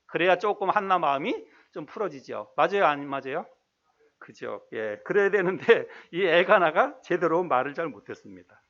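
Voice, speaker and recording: A male pastor preaching a sermon in a conversational way, asking the congregation questions and reading scripture slowly. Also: on the high side, sing-song, fairly bright tone, highs cut off. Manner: reads scripture slowly and deliberately.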